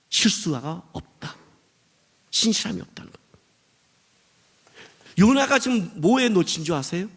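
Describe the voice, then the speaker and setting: Pastor giving a sermon, animated, with a high, very lively delivery and constant rhetorical questions. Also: male voice, husky.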